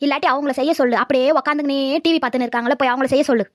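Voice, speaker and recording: A woman playing a feisty, sharp-tongued young daughter-in-law in a comedy skit. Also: high voice, fairly even intonation, very fast, no echo, studio quality, natural voice. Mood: angry.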